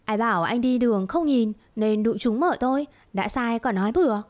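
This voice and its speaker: A woman's voice: moderate pace, darkish tone, close to an everyday voice. A woman voicing a young female servant girl in a storybook reading, anxious one moment and feisty the next. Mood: shrill indignant. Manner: high-pitched pleading and shrill scolding.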